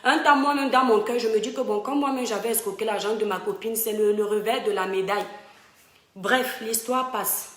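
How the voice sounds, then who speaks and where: A woman's voice: on the high side, moderate pace. A woman from Cameroon, talking directly and emphatically to online followers as she tells a personal story from home. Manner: emphatic, fond, addresses viewers directly. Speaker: live-stream storyteller. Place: home room. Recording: roomy home echo.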